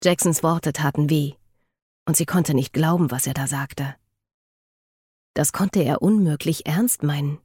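A woman reading a dramatic novel as an audiobook narrator, measured and expressive. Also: sits low, breathy edge, no room sound, clean studio sound.

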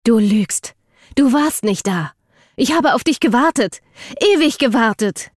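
A woman voicing a furious young woman who feels betrayed, shouting accusations bitterly. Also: mid-range voice, normal speed, dry recording, studio quality, close to an everyday voice.

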